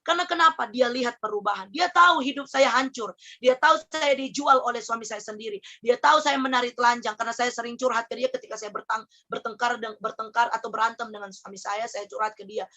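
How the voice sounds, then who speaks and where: A woman's voice: on the high side, fast talker, pushed and bright. A young woman giving an earnest personal testimony, telling her story with many fillers and restarts. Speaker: testimony speaker.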